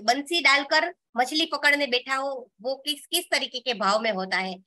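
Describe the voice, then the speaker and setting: A woman's voice: high-pitched, pushed and bright, no room sound. A woman reading a spiritual text aloud and explaining each passage in everyday speech, with English words mixed in. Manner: mixes English words into the talk.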